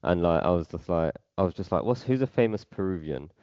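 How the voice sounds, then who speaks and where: A man's voice: low-pitched, animated, a little fast, dry recording, lo-fi sound. A man, co-hosting a podcast in laid-back casual chat. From England. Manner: laid-back, lots of short agreeing replies. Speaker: podcast co-host.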